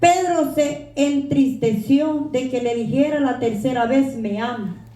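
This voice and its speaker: A woman's voice: high voice, measured pace, mellow. A middle-aged woman preaching a humble, earnest, conversational sermon in a church. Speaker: lay preacher. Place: church sanctuary. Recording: echoey church room.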